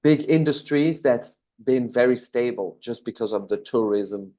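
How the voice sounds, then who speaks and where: As an interview guest, a business owner from Belgium in his thirties replies in a laid-back way, sprinkling in fillers and correcting himself along the way. He has a Belgian accent and a mid-range, unhurried voice.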